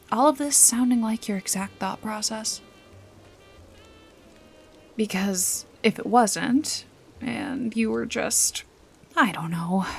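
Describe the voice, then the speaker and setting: Her voice is mid-range and a little mellow as she takes on the role of a wry, bossy detective guarding the listener in an intimate noir ASMR roleplay. Breathy and often whispering, she teases and makes casual threats with a sardonic, menacing edge.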